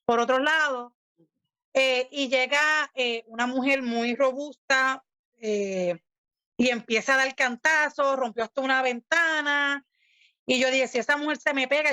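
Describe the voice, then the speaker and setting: A Puerto Rican woman giving a personal testimony, telling her story with animated energy and acting out quoted lines. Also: sits high, no echo. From Puerto Rico. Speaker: guest sharing her testimony. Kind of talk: personal testimony in casual talk.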